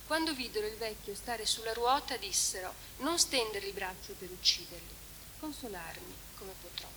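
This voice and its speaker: A woman giving a conference talk, reading a translated text aloud in a measured, deliberate way. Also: fairly high pitch, bright, forceful tone. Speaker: conference speaker. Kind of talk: academic lecture with read-aloud translation. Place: conference hall. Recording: echoey hall recording with hiss.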